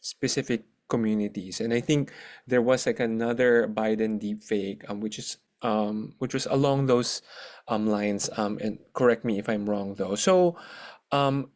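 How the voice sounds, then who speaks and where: A man's voice: on the low side, a little slow, darkish tone. Hesitant man answering on a video call. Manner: hesitant, many ums. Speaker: panelist researcher. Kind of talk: online forum answer.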